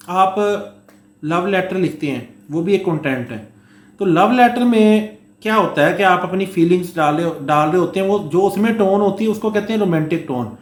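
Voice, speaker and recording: A man's voice: high voice, expressive, normal speed. Coughing male instructor in an echoey room. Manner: explains with frequent "theek hai" check-ins and fillers. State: short of breath, coughing at times. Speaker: course instructor. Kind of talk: Hindustani lecture mixed with read-out English.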